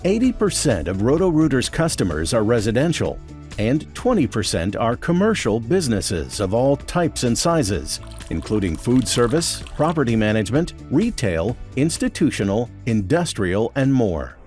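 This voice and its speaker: A man's voice: medium pitch, sing-song, normal speed, darkish tone, soft background music. An American man reading scripted corporate narration for an employee training video.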